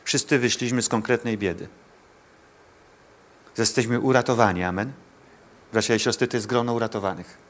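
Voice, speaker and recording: A man's voice: mid-range voice, steady tone, normal speed, long pauses. Man preaching a pleading sermon. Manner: direct, pleading, with rhetorical questions to the congregation. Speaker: pastor. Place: church before a congregation.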